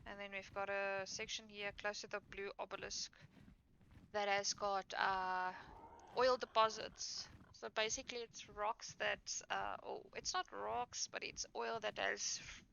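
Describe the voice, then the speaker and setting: A woman's voice: mid-range voice, level tone, measured pace, creaky, sharp tone. A woman giving casual commentary while playing a survival game, tired and yawning, rambling and correcting herself with many fillers. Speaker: gaming streamer. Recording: dull lo-fi mic with faint noise.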